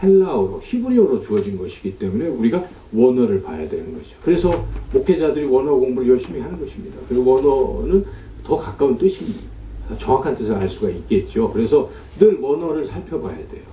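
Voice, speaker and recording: A man's voice: medium pitch, very animated, fast, dark tone, far from the mic, muffled recording, slight background noise. Male pastor preaching in an echoey hall. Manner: explains scripture with rhetorical questions to the congregation. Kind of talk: sermon. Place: church sanctuary.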